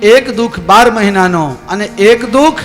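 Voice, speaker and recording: A man's voice: high-pitched, unhurried, fairly bright tone. A man telling a folksy devotional story with a Gujarati accent, acting out the characters' lines as he goes. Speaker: religious storyteller. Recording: long hall reverb with music.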